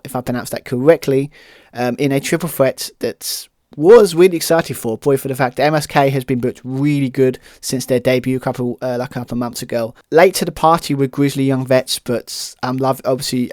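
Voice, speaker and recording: A man hosting his podcast solo, talking through a review in a loose, rambling way, with constant "kind of" and "um". He sounds keen. His voice sits at a middle pitch, and the recording is dry and close, with no room sound. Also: a little mellow, dry recording. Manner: rambling, heavy use of "kind of" and "um"; enthusiastic. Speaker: podcast host.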